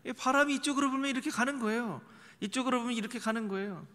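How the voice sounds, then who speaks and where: Male pastor, earnest sermon delivery, high bright tone, long church reverb. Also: racing. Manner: earnest, addresses the congregation directly. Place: church sanctuary.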